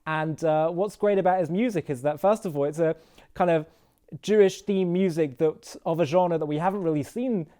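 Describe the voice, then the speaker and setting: Hesitant male interview host, smooth voice. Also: fairly high pitch, normal speed, dark tone. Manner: hesitant, many fillers and restarts. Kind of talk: casual interview.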